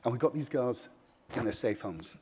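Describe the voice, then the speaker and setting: A man giving an earnest award acceptance speech as a charity founder, with many pauses and restarts, swinging between emphatic and soft delivery. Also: medium pitch, lively intonation, husky.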